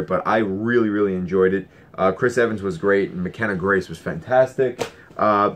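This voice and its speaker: A man talks through his latest disc pickups in a loose, excitable way, stumbling over restarts and fillers. His voice sits on the low side. Faint room ambience hums behind him. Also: slight background noise. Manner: enthusiastic, rambling, lots of fillers and restarts. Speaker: Blu-ray collector vlogger. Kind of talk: casual collection haul vlog.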